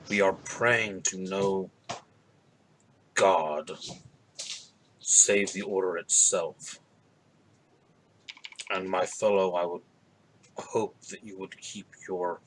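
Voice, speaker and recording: A man voicing a solemn, stern giant in a deep, gravelly growl, speaking slowly and formally for a tabletop game. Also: slight background noise, exaggerated voice, low-quality recording. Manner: slow, deliberate, formal. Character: solemn giant, meditative and stern, rebuking strangers. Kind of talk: tabletop role-play voice.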